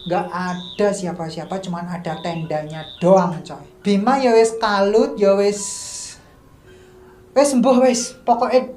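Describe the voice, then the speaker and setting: A woman's voice: medium pitch, fairly even intonation, unhurried, a little mellow. A woman casually telling a mystical mountain story, chatty and full of slang and sound effects. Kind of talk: casual spoken horror storytelling. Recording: echoey room, faint music.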